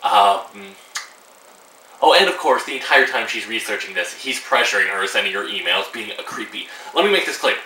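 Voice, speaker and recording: A man's voice: lowish voice, lively intonation, moderate pace, pushed and bright, reverberant, recorded from a distance, slight background noise, poor audio. A teenage boy ranting to camera about a film, sarcastic and exasperated, swearing freely. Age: teens. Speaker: vlogger. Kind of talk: casual rant to camera. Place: room at home.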